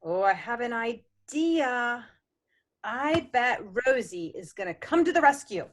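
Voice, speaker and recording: A woman with a fairly high voice co-hosts a storytime, reading a children's picture book expressively and without hurrying. She's animated and drops in chatty asides for young listeners. A little hiss or hum sits under the recording.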